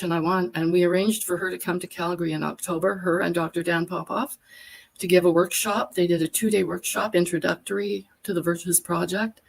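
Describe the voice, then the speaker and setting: A lowish, creaky female voice on a rough recording belongs to an older woman from Alberta, Canada. As a workshop facilitator invited onto a live video chat, she chats casually and tells her story at length with long, detailed answers.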